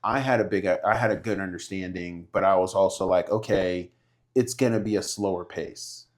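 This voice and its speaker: A man from Southern California hosting a podcast, chatty and animated, telling stories and laughing often. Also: sits low, moderate pace. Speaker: podcast host. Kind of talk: casual interview chat.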